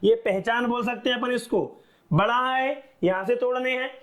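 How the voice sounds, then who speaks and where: A man's voice: extremely high pitch, moderate pace, a bit bright. A male teacher giving a classroom lecture, asking the class short questions and answering them himself.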